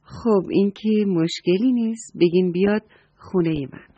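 A woman's voice: mid-range voice, husky, no room sound, natural voice. A woman voicing a friendly, generous female deer in a children's story, speaking in a reassuring way. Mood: kind. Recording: dull dry recording, soft music.

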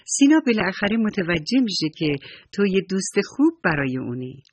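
A storyteller voicing a calm, caring father comforting his young son. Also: medium pitch, breathy edge, dry recording, pitched above the performer's own voice. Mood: soothing.

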